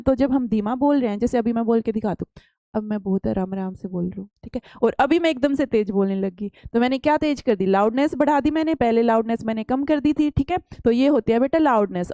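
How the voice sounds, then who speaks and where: A young woman teaching a science class, patient and repetitive, keeps putting questions to her pupils and answering them herself. Her voice sits a little high, with a warm, mellow tone. The sound is close and dry, with no room echo. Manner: explains patiently, repeats questions back to pupils.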